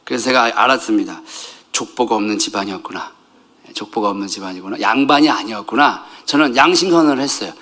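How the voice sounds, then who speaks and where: A middle-aged male pastor with a fairly low voice talks fast in a conversational sermon. He's animated, swinging between loud outbursts and soft asides while joking with the congregation.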